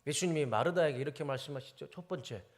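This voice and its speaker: A male pastor giving a sermon in a church, animated and often putting questions to the congregation. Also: fairly high pitch, quick pace. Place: church sanctuary.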